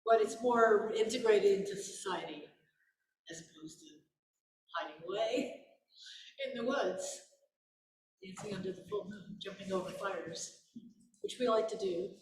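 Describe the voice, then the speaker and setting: An older woman speaks as a guest at a community Q&A, her pitch sitting in an ordinary middle range. She talks in a loose, rambling way, starting over and correcting herself mid-sentence. The voice comes from well off the mic in a big, empty, reverberant room. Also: unhurried, long pauses. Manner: rambling, with many restarts and self-corrections. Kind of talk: casual Q&A talk. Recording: echoey room, voice far from the mic.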